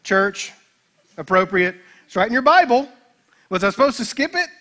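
A man with a high, ringing voice preaches at a church service. He retells the scripture story as an animated, joking storyteller and throws in playful asides to the congregation. His tone stays bright and forward throughout. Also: normal speed. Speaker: pastor. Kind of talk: sermon.

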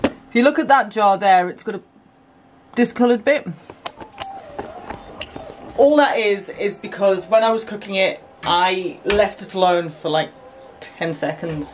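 A woman in her thirties talks through her kitchen work in a relaxed, chatty way, explaining each step as she goes. Her voice sits at an ordinary middle pitch, picked up by a camera mic on the counter with clear kitchen noise behind her. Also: a little slow, long pauses. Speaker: homestead vlogger. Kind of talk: casual kitchen chat. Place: small home kitchen, indoors. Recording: noisy kitchen camera audio.

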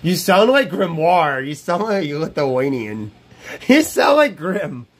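A man in his thirties live streams from a small room at a slow pace, his voice on the high side and swinging widely in pitch. The chat is rambling, brash, and profane with frequent repetition, captured on a wired earbud headset mic.

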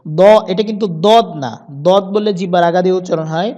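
A man with a Bangladeshi Bengali accent teaching Quran reading, spelling each word letter by letter and then chanting the verses slowly. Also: sits high, a little mellow, muffled recording. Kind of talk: spelled-out Quran recitation lesson.

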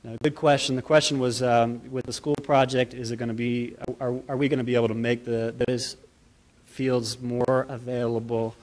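A man answering an audience question at a town hall meeting, halting and repeating words, on a handheld mic in a meeting room. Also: medium pitch, flat delivery, a little mellow. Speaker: county official answering questions. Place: meeting room with projector screen.

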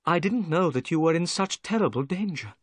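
A man voicing a gentle, kind young woman in a raised, soft voice. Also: on the high side, expressive, brisk, dry recording, voice pushed up. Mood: eager.

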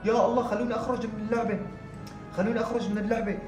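A man narrating a horror prank vlog at home, excitable and acting scared as he talks to his viewers. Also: high voice, racing, reverberant, music in the background. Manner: excitable, feigning fear, addresses viewers. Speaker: vlogger. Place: room at home.

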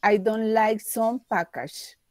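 A woman, a student reading her English homework aloud in a halting way, restarting words. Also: on the high side, fairly even intonation, darkish tone, no room sound. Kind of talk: reading a class answer aloud. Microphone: video call.

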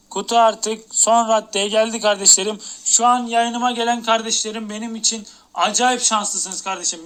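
Very high-voiced hyped male streamer. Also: fairly bright tone. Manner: repetitive, hyped countdown talk. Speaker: game streamer. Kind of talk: live game-stream chatter.

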